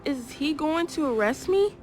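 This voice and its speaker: A woman's voice: high voice, expressive, a little slow, a little mellow, soft background music. A woman voicing a defiant teenage boy in a video game, talking in a sulky, stubborn way. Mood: unsure.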